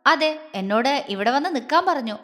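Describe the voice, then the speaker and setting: A woman voicing a smug, scornful young female rival who taunts in a mocking tone. Her voice is high. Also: animated, normal speed, pushed and bright, long reverb tail. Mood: taunting.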